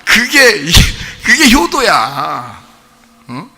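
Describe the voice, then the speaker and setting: A male pastor preaching a sermon in a blunt, joking way, with sudden shouts and chuckles. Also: high-pitched, very slow, creaky, husky, big-room sound. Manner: animated, bursts into shouts, chuckles; blunt casual banter with the congregation. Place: church sanctuary.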